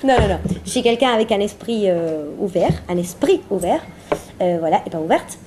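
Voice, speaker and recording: There's a little hiss or hum as a woman with a medium-pitched, warm voice talks briskly and with lively intonation. She is a singer-songwriter from Venezuela, the guest in a playful, casual interview, speaking French as a second language with a Spanish accent and often repeating phrases for emphasis.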